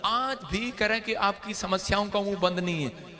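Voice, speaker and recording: A male pastor preaches an impassioned sermon, telling everyday stories and rising to shouts. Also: high-pitched, moderate pace.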